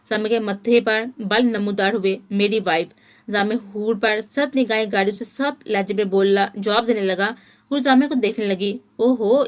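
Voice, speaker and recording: A woman narrating a romance novel as an audiobook in a steady, even storytelling manner. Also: medium pitch.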